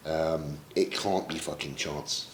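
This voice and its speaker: Deep-voiced British bodybuilder, frank and emotional, in an echoey room. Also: male voice, steady tone, slow pace, a little hiss or hum. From Britain. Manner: emotional, reflective, swears casually. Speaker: pro bodybuilder guest. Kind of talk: candid sit-down interview. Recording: roomy echo, faint ambience.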